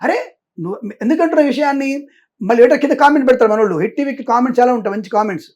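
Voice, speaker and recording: Rapid, high-voiced, insistent man. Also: a little mellow. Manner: emphatic, insistent, repeats "I" for stress, mixes in English. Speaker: Vedic astrologer guest. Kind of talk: interview answers.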